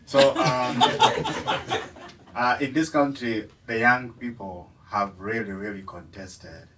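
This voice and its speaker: A man's voice: medium pitch, steady tone, slow pace, pushed and bright, distant mic, rough recording. A man from Uganda, asking an impassioned question from the floor of a forum. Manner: impassioned, rises and falls in force, laughs between points. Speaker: audience member asking a question.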